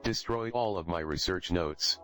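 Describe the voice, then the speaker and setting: A man voicing a stiff, formal game robot researcher that poses as a fellow human, speaking in a deadpan announcer style. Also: low-pitched, unhurried. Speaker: in-game host voice. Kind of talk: scripted game dialogue. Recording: game audio with background music.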